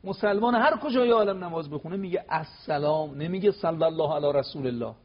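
A cleric appearing on a religious TV talk show gives an animated lecture built around stories. He speaks emphatically and acts out quoted exchanges with his pitch rising, and the audio has its highs cut off.

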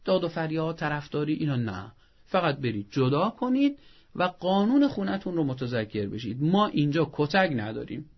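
Gravelly man giving parenting advice. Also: a little high, sing-song, muffled recording. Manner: didactic, earnest, acts out parents' scolding in a raised voice. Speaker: parenting expert guest. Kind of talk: advice talk on a show.

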